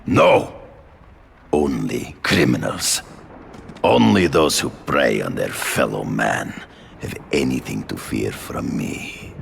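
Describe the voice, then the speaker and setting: An actor playing a proud, self-righteous big-game hunter in a video game, with a gravelly voice and hammy, theatrical, formal delivery. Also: male voice, very deep voice, lively intonation, slow pace, slight background noise, exaggerated voice. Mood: righteous, disdainful.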